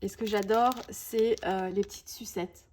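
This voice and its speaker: A woman's voice: medium pitch, steady tone, normal speed, a little mellow, a little hiss or hum. A woman presenting a scrapbooking collection in a casual show-and-tell, chatty and full of small "hop" and "voilà" asides. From France. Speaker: scrapbooking video host.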